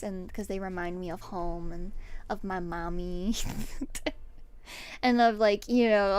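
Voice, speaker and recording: A young woman streamer chatting casually to her viewers, bubbly and excitable, often breaking into giggles. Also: mid-range voice, clear, resonant tone. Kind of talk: casual livestream chat.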